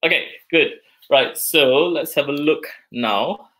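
There's a little hiss or hum on this recording of a man in his forties whose voice is slightly high, a bit bright, and slow-paced. He's hosting an easygoing live cooking demo in his home kitchen, chatting while working and thinking aloud with lots of fillers. The microphone is a video call camera moving about the kitchen.

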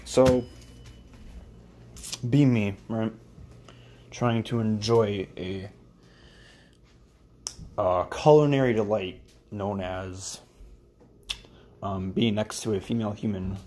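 A man's voice: on the low side, slow, pauses often, warm tone, a little hiss or hum. A young man rambling crudely in a casual home vlog while he cooks in his kitchen, swearing often and mumbling offhand. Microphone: phone camera held and moved around.

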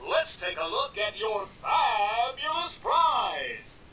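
A man voicing a boisterous male robot game show host in a video game, with booming showman patter. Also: big pitch swings, slow pace, sharp tone, shouting, recorded from a distance, a little hiss or hum, heavily acted, poor audio. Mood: showman hype. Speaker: game character.

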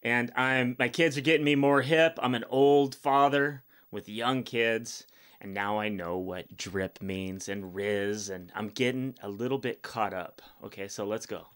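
A man's voice: medium pitch, unhurried, a bit bright, clear, resonant tone. Man, fifties, reaction video host, blunt, rambling, lots of fillers, casual. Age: 50s.

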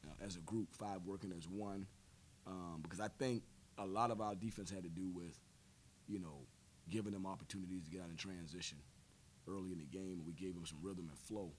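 A man in his forties, a head coach answering questions at a post-game press conference, measured and full of fillers and repeated words, speaking into a table mic in a press room. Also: low voice, steady tone, a little hiss or hum. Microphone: table mic on stand.

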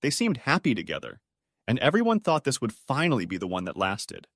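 A man narrating stories in a dramatic, scripted way. His pitch rises and falls a lot, and the sound is close and dry with no room in it. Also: huge pitch swings, brisk, a bit bright, no room sound. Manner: dramatic storytelling. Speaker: storyteller.

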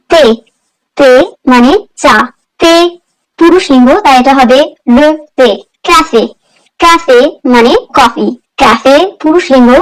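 Slow, high-voiced woman teaching vocabulary. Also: low-quality recording. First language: Bengali. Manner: slow, deliberate word-by-word explanation. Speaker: language teacher. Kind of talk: vocabulary lesson.

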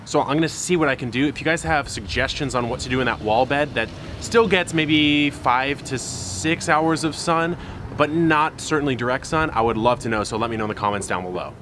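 A man's voice: medium pitch, fairly quick. A man in his thirties hosting a casual garden tour vlog, talking straight to a camera held close to his face, chatty and upbeat. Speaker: gardening channel host. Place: outdoor front and side yard garden by a street, then a garden shed. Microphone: handheld camera close to face. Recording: outdoor street noise audible.

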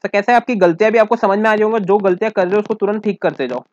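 Speaking rapid-fire in a high, slightly mellow voice, a male commerce teacher runs a casual classroom accounting lecture, mixing Hindi and English as he works out sums aloud. He repeatedly addresses the listener as "sir" and checks whether they understand. The audio has no echo but sounds dull, dry, and muffled.

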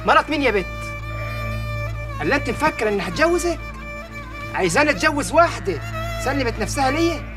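A man's voice: very high voice, sing-song, fast talker, long pauses. An actor playing a callous, scornful young Egyptian man with a cold, dismissive way of talking, in a TV drama with a music score. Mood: callous, mocking.

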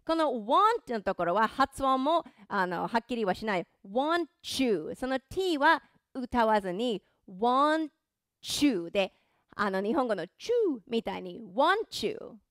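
A woman's voice: fairly high pitch, expressive, normal speed, a bit bright, dry recording, clean studio sound. A woman teaching English pronunciation through a song, speaking in an encouraging, playful way and joking about her own voice. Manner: encouraging, playful, self-deprecating. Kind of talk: pronunciation and singing lesson.

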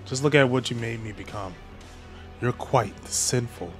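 Smug young villain who controls sound, read slow and flat by a man reading a comic aloud; faint music underneath. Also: medium pitch, close to an everyday voice.

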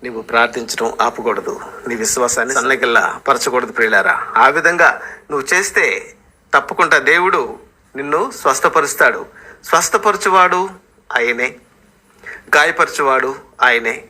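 A male pastor preaching a sermon, telling the story in an animated way. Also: medium pitch, normal speed, long pauses.

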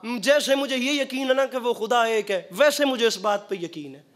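A man's voice: very high voice, normal speed, fairly bright tone, roomy sound. A man giving an impassioned devotional sermon, leading chants and teasing his listeners. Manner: impassioned, leads chants, teases the crowd. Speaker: zakir, religious orator.

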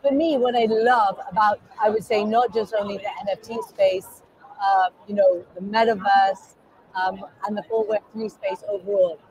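In a rough recording from an indoor expo booth, a middle-aged woman from Kenya talks with a mid-range voice at normal speed. As the guest artist in this casual interview, she comes across as enthusiastic and animated, gesturing while she speaks.

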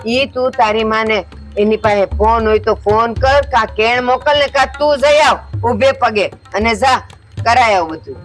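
A high-pitched older woman speaks. She plays a domineering mother-in-law who scolds and pushes, and faint music runs behind her. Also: a little slow. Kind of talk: village family drama acting.

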